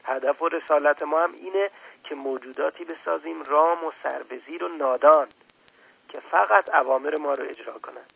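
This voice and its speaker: A proud old scientist who lectures in a condescending tone, as a male narrator plays him. His voice is gravelly and husky, and it sits a little high. He brushes off a child's objections with impatience. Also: fairly bright tone, full character voice, rough recording. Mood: lecturing.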